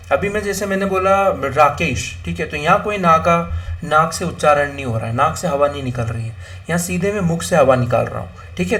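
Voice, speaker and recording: A man's voice: a little high, a bit bright. A young man teaching an exam-prep Hindi grammar lesson, asking and answering his own questions and mixing English words into Hindi.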